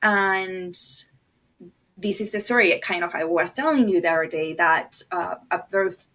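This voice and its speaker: A middle-aged Argentine woman, a native Spanish speaker who works as a designer and producer, tells stories as a podcast guest in a lowish, fairly bright voice at a moderate pace. Her casual, lively storytelling is full of self-deprecating asides and acted-out dialogue.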